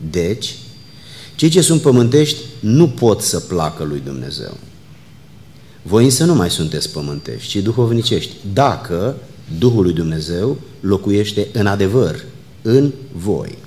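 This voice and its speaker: A man serving as a visiting pastor, reading scripture, praying and greeting the congregation in a church at a microphone, in a measured, solemn way. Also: lowish voice, sing-song, a little mellow. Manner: measured, solemn reading that slows into fervent prayer. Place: church sanctuary.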